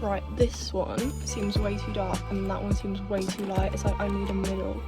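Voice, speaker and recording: A woman's voice: mid-range voice, flat delivery, normal speed, loud music behind the voice. A young woman in a casual vlog chat, talking in a chatty way with "like" in nearly every line. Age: young adult. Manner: chatty, fillers of "like" throughout. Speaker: vlogger.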